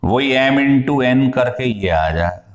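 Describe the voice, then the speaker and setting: A man's voice: medium pitch, animated, slow pace. A male chemistry teacher lecturing in a classroom style, explaining step by step and asking his students questions as he goes. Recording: echoey room.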